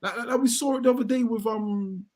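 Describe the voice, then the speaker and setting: A man, a football fan ranting in heated casual chat, swearing often and building to loud outbursts. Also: very high-pitched, quick pace. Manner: swears a lot, rants with rising outbursts.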